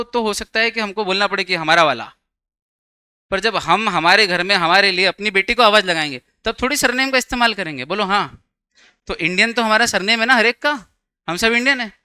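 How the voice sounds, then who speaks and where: A man's voice: high voice, bright, forceful tone, smooth, dry recording. A young man teaching a law class, chatty and teasing, quizzing his students with jokes.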